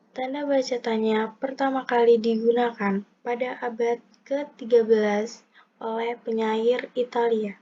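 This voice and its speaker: A woman's voice: on the high side, mellow, slight background noise. A young woman reading a scripted lesson aloud, setting out each point one by one in a methodical way. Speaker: presenter explaining punctuation. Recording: dull lo-fi recording.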